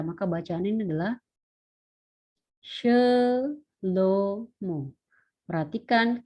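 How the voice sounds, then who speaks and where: A woman lecturer giving an online lesson, explaining step by step and slowing down to sound out words. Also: lowish voice, highs cut off.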